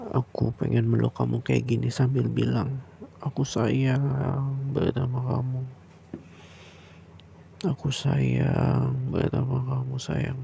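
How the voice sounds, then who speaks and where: A man doing a soft, soothing bedtime boyfriend roleplay in a close, intimate way, sometimes slipping into a breathy whisper. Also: medium pitch, slight background noise.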